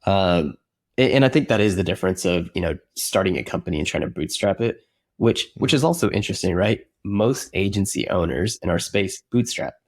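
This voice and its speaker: A man with a fairly low voice talks as an interview guest about building his company. He is earnest and reflective, often circling back with "you know" and restarting his phrases mid-thought. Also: lively intonation, brisk. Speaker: software company co-founder, guest. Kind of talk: casual conversational interview.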